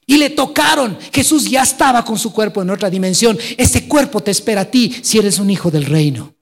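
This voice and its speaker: Male pastor, high voice, dramatic sermon delivery, long church-hall reverb. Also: animated, a little fast, gravelly. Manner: dramatic, swinging between loud exclamations and quiet storytelling.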